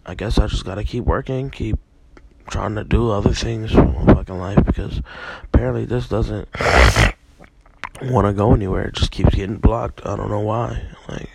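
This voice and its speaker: A man's voice: lowish voice, fairly even intonation, moderate pace, gravelly, heavy background noise. A young man who is a little sick, hosting a podcast and recounting a dream in a rambling, profane, filler-heavy way. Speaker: podcast host. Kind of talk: casual dream recounting monologue.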